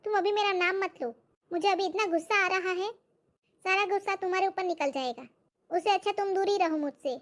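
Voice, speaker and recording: A woman performing a comic skit, grumbling to herself in sharp asides. Her voice sits very high. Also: a little fast. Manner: grumbling and exasperated.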